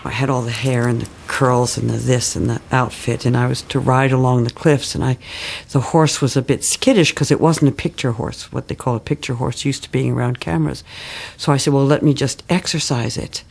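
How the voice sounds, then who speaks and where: An actress in an interview telling a story in a breezy, amused way. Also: female voice, rumbling low, steady tone, brisk, creaky, darkish tone, slightly rough. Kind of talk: interview recollection.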